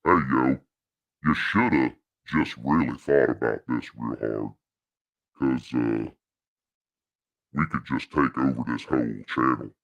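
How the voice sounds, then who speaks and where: Deep pitch-shifting voice changer, gravelly. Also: male voice, slow pace, long pauses, a bit bright, dull audio, full character voice. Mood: menacing. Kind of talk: testing a voice changer on a casual show.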